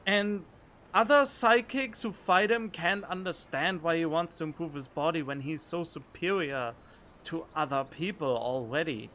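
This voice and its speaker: On a casual gaming stream, a man reacts to in-game text after reading it out loud. He has a high, fairly bright voice, captured by a close studio condenser mic with a little hiss or hum and game music in the background.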